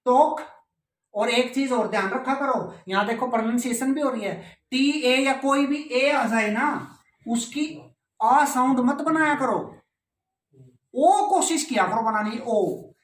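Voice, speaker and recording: A man's voice: very high voice, a little slow. A male English teacher giving a classroom pronunciation lesson, patiently repeating words and spelling them out letter by letter. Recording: roomy, distant mic.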